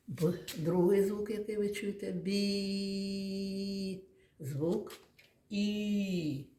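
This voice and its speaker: Slow, patient woman teaching small children. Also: lowish voice, mellow. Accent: Ukrainian. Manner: slow, patient, drawn-out sing-song speech, answers her own questions. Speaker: kindergarten teacher. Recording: echoey room.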